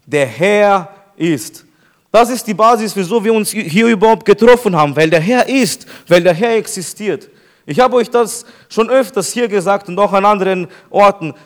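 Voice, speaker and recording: A man with a notably high speaking voice delivers a sermon as pastor. He preaches with emphasis and stretches out key phrases slowly, repeating them for weight.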